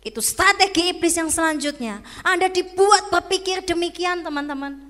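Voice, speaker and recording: A woman's voice: very high voice, normal speed, a bit bright, long reverb tail. A woman evangelist, preaching an emphatic, conversational sermon and putting questions to her listeners.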